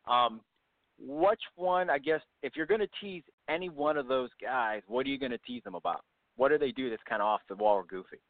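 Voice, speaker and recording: A man hosting a sports interview show, upbeat and quick, full of "you know" fillers. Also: mid-range voice, lively intonation, vocal fry, no room sound. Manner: fast, upbeat, many fillers. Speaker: podcast host. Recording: tinny phone-line audio.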